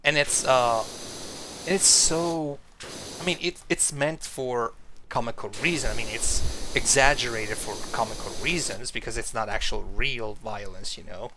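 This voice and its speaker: A man's voice: medium pitch, unhurried. A man from Italy chatting casually on a live stream, rambling with frequent restarts as he talks with viewers. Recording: steady hiss on the line.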